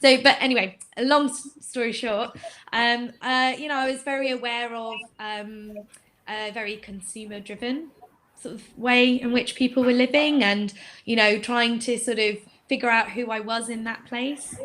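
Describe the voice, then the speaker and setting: A woman raised abroad, now a shop owner, talking casually in a webinar interview with many pauses and fillers. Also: on the high side, steady tone, fairly bright tone, a little hiss or hum. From England, raised in Greece. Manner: hesitant, many fillers, laughs easily.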